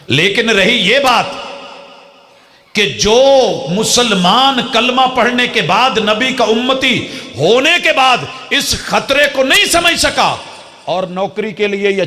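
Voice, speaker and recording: Fiery preacher, high-voiced man. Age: middle-aged. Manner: dramatic, mimics opponents' pleading then rises to loud emphatic peaks. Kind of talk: fiery religious speech.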